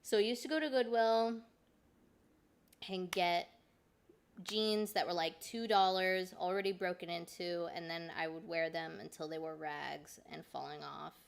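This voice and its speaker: A woman's voice: on the low side, fairly even intonation, unhurried, vocal fry. Chatty exclaiming woman streamer. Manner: exclamatory, swears freely, chatty asides. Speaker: streamer reacting to videos. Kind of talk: casual reaction commentary. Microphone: desk mic with adjustable gain.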